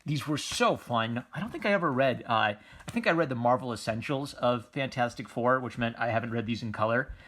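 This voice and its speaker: This man, a comic book reviewer, offers casual, unscripted commentary in a mid-range, slightly bright voice. He sounds animated and talks a little fast, rambling with enthusiasm and often circling back on his phrases.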